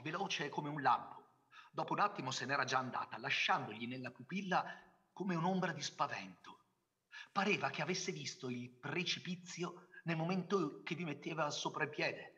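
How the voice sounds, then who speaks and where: A man reading a literary first-person story aloud on a theatre stage, measured and clear. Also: on the high side, pushed and bright, dull audio. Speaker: reader.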